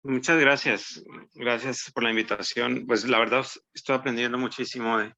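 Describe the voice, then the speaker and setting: A man's voice: mid-range voice, steady tone, moderate pace, vocal fry, sharp tone, highs cut off. A man from Colombia with a Colombian accent, speaking as a university academic in a conversational panel, thoughtful and hesitant, often ending with "¿no?". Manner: thoughtful, hesitant, many "¿no?" tags.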